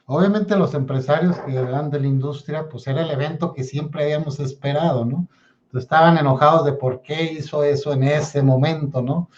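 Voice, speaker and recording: A man's voice: on the high side, brisk, highs cut off, a little hiss or hum. A man, a guest in a casual interview, who tells his stories and keeps checking in with "¿no?". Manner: storytelling, tags lines with "¿no?".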